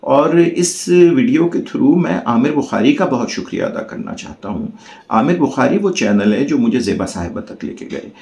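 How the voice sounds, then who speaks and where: Earnest gravelly man. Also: medium pitch, darkish tone, roomy sound. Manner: earnest, heartfelt, formal Urdu diction. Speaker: channel host. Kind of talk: personal storytelling to camera.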